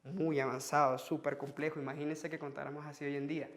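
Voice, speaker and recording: Lively man teaching a lesson. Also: fairly high pitch, fast. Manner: lively explanatory, addresses students directly, counts on fingers. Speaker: French teacher. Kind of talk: video lesson.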